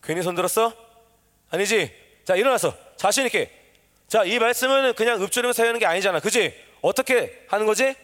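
A man with a high-pitched, brisk voice preaches an interactive sermon to a youth group in a church hall. He is animated, coaxing answers, quizzing his listeners and leading them in call-and-response. The hall's long reverb is audible.

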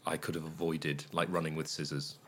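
A man's voice: extremely low pitch, little pitch movement, a little fast, a bit bright. A man, a comedian guest on a casual radio chat, talking in a rambling, hesitant way that keeps stopping and restarting. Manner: rambling, hesitant, self-interrupting.

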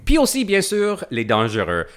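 Man, middle-aged, English-speaking Canadian accent in French, fairly high pitch, very animated intonation, hesitant. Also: normal speed. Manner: hesitant, many fillers and restarts. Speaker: actor guest. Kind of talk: casual podcast interview.

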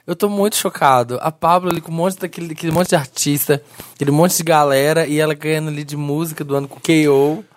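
A Brazilian man co-hosting a podcast, chiming in with quick jokes in casual chat. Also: fairly high pitch, steady tone. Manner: quick joking interjections. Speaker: podcast co-host.

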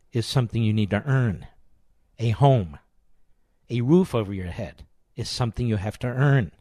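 A man's voice: medium pitch, darkish tone, no room sound, clean studio sound. An older American man delivering an impassioned political monologue as a talk host, emphatic and sarcastic, with rhetorical questions and repeated phrases.

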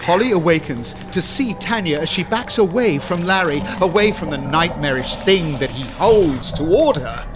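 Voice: mid-range voice, expressive, normal speed, hardly any pauses, over music. A storyteller giving a campy, melodramatic comic narration of a gruesome tale.

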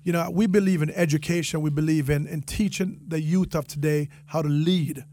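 Speaking fairly quickly in a high-sitting, dark-toned, steady voice, this interview guest has a Jamaican accent. An entrepreneur and restaurant franchisee, he talks earnestly in a conversational exchange and repeats phrases to stress his points.

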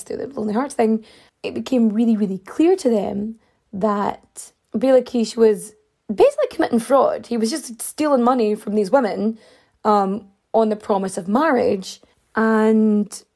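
A woman tells a story casually, her fairly high voice soft and mellow but growing thin and slightly hoarse as she loses it. She's loose and chatty, full of fillers, and her pitch swings widely as she gets into the tale.

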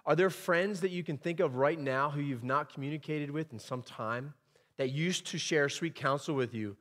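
Middle-aged male preacher, a touch high-voiced, chatty sermon delivery that slips into quoted voices. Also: moderate pace, a bit bright. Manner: conversational, acts out quoted voices. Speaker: guest preacher.

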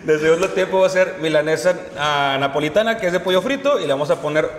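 A man's voice: on the high side, expressive, fast talker. A man serving food, presenting the courses in a polite, friendly way full of little diminutives. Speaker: cook serving the hosts. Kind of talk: presenting a menu. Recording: roomy echo, long reverb, faint noise.

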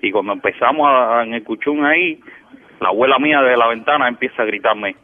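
Guy calling in, talks fast, thin phone sound. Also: mid-range voice. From Cuba. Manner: rapid storyteller. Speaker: caller. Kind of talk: phone-in storytelling. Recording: tinny phone line.

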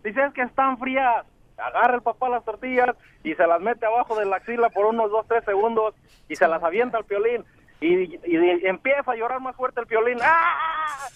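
Very high-voiced caller man. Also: fairly quick, no room sound, lo-fi sound. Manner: easygoing storyteller, acts out crying. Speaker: caller, truck driver. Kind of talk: telling a joke on a call-in show.

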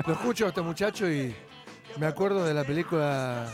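Middle-aged male singer, Argentine accent, animated radio guest, music clearly behind. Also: a little high, brisk. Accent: Argentine Spanish. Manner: animated storyteller, trails off with hesitations. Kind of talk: casual radio interview chat.

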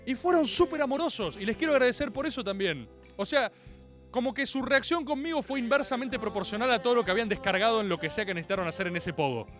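Rioplatense male host, high lively voice, theatrical slangy rant, faint music behind. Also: fast talker. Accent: Rioplatense Spanish. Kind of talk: comic monologue.

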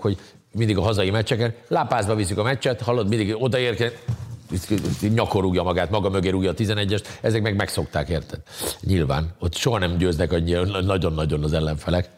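A man chatting casually, telling rambling, crude, joking stories about his travels. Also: low-pitched. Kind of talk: casual chat.

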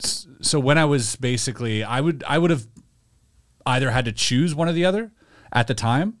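A man's voice: mid-range voice, lively intonation, normal speed, no room sound, clean studio sound. A man from Germany, a magician and comedian, telling rambling stories in a casual podcast chat.

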